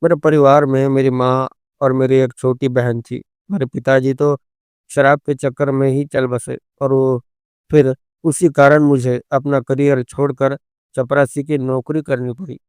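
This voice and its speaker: A man narrating a scripted first-person story in a steady, even manner. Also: mid-range voice, a little slow, clean tone, no room sound, clean studio sound.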